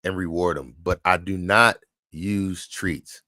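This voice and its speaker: A man hosting a casual livestream, chatting and answering viewers' dog training questions, relaxed and repeating his points. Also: low voice, slow pace, no room sound, studio quality.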